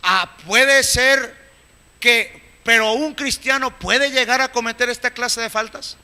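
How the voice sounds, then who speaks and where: A man preaching a sermon with emphatic delivery, rising to shouts at the peaks. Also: very high-pitched, takes it slowly, smooth. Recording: echoey hall.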